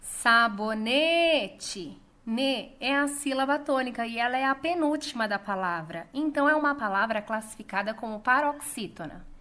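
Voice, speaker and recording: A woman with a Brazilian Portuguese accent teaching a lesson, calling out words slowly and drawing out the stressed syllable. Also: fairly high pitch, animated, bright, forceful tone. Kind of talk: slow, clear classroom lesson.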